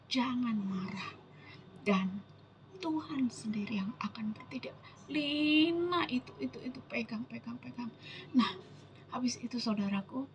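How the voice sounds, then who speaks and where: A woman with a slightly high voice speaks in a devotional talk, reading verses and sharing her heart. Her delivery is emotional and breathy, and she often sinks into a near whisper as she talks to the faithful. A faint hiss sits under the recording. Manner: emotional, often drops to a whisper, addresses listeners as brothers and sisters.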